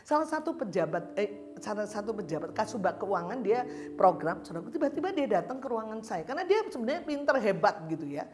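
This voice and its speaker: A middle-aged woman preaching a sermon, telling lively stories and acting out the people she quotes. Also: medium pitch. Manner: lively storytelling, acts out quotes.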